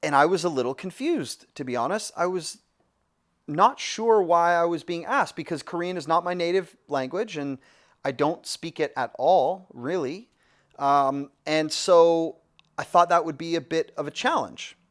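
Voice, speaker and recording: A music producer with a voice on the high side tells a studio story at an unhurried pace. He's relaxed and rambling, with lots of fillers and restarts.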